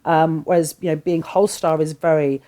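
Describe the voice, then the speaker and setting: A middle-aged British cabaret performer sits on a sofa in a small studio set, chatting frankly and animatedly as an interview guest. Her voice is low and mellow, with fairly even intonation and normal speed.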